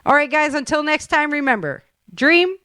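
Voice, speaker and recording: A woman hosts a podcast in a chatty, informal style, calling her listeners "guys" and shifting between a news rundown and casual talk. Her high, bright voice is expressive and forceful at normal speed, in a dry, studio-quality recording.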